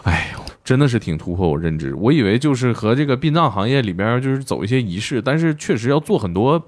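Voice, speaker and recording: A man's voice: mid-range voice, sing-song, fast. A man from Northeast China hosting a podcast interview, asking questions and joking in his reactions. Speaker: podcast host. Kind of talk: casual interview.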